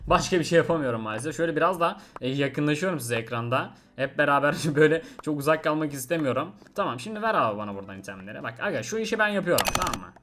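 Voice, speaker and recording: A young man giving casual, excitable commentary while playing a mobile game, chatting to his viewers. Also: on the high side, very fast, hardly any pauses. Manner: chatty, excitable, swears oaths, addresses viewers. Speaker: gaming video host.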